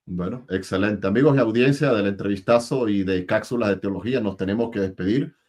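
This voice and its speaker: A male interview host talking over a video call, chatty and quick to laugh, often repeating his words. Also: on the low side, a little mellow. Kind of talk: casual interview and enthusiastic sign-off.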